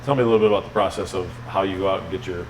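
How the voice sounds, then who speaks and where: A man's voice: low voice, fairly even intonation, very fast, a little mellow, slight background noise, poor audio. A man interviewing someone in casual chat, with informal, loosely phrased questions and easy agreement.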